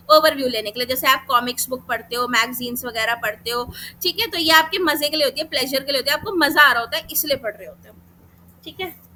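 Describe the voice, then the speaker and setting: Woman, Indian accent, exam-prep lecture, high-pitched, bright, step-by-step explaining, rhetorical questions. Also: a little hiss or hum, poor audio. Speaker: teacher.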